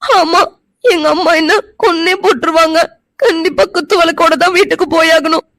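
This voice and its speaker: A woman plays a feisty young cartoon woman with a very high voice who accuses and argues sharply and can break into tears. The sound is dry and close. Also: fairly quick, a bit bright, no echo. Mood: tearful. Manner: accusing and tearful.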